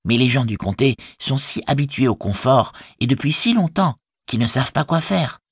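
A man's voice: medium pitch, expressive, normal speed, husky, dry recording, studio quality, voice pushed up. A man doing an urgent, commanding young hobbit. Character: bold young male hobbit rallying his people. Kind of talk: audiobook reading.

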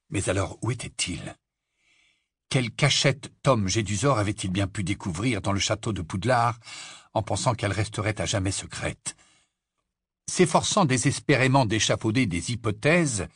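A man reading a fantasy novel aloud in steady, measured scripted narration. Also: on the low side, breathy edge, no echo, studio quality. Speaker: audiobook narrator.

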